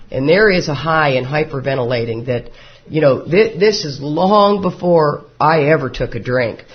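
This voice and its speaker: A man, telling his life story to a recovery group in a folksy, joking way. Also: on the high side. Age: 50s. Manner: folksy, joking storyteller who often laughs. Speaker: recovery meeting speaker. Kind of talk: personal recovery talk to a live group. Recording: dull lo-fi meeting recording.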